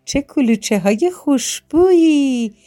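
A woman's voice: sits high, lively intonation, warm tone, pitched above the performer's own voice. A woman voicing a sweet, polite baby deer in a children's story, speaking gratefully.

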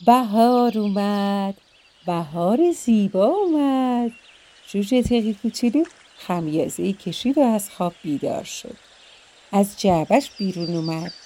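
A woman narrating a storybook for children, slow, gentle and expressive. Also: mid-range voice.

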